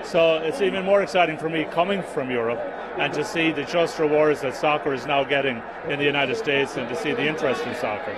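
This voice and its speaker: A man's voice: on the high side, brisk, very noisy. A middle-aged man with an Irish accent, a bar owner answering in a live news interview. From Ireland. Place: busy indoor sports bar. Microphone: reporter's handheld microphone. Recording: crowded bar background chatter.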